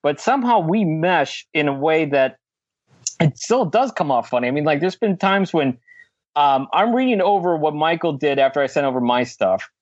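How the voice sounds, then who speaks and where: A man's voice: on the high side, expressive, moderate pace, dry recording, dull audio. A man, a co-author guest in a casual remote interview, jokes, laughs often and fills his talk with "like". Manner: joking, laughs often, says "like" a lot.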